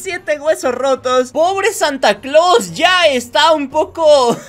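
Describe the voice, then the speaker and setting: Very high-voiced excitable man. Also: slow pace. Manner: excitable, bursts into shouts and laughter. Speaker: gaming YouTuber. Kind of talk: lively gameplay commentary.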